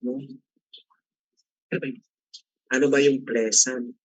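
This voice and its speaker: A man's voice: mid-range voice, fairly even intonation, extremely slow, no echo, rough recording. A middle-aged man leading a casual class discussion, chatty and teasing, often asking the group questions. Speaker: class facilitator.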